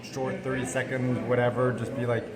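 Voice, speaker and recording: A man's voice: medium pitch, completely flat delivery, brisk. A man talking casually to camera in a rambling, self-deprecating, matter-of-fact way, recording indoors in a hospital corner. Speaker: vlogger documenting cancer treatment. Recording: public indoor space, background chatter.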